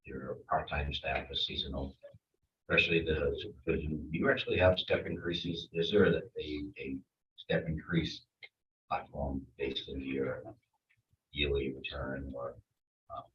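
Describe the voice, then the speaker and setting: A man on the council puts searching, halting questions to a department head at a budget workshop. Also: extremely low pitch, steady tone. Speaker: council member asking questions. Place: town meeting room. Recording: distant, muffled, echoey room with faint noise.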